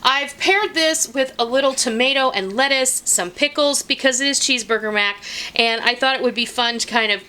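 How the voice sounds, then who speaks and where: A woman's voice: high-pitched, moderate pace, bright, forceful tone, clear, resonant tone. A middle-aged woman hosting a home cooking tutorial, chatting casually and folksily straight to her viewers from her kitchen. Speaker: cooking channel host.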